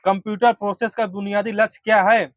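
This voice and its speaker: Brisk male teacher running a quiz. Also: high voice, flat delivery, no echo. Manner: brisk, corrects answers, urges students to speak up. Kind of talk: oral quiz in class.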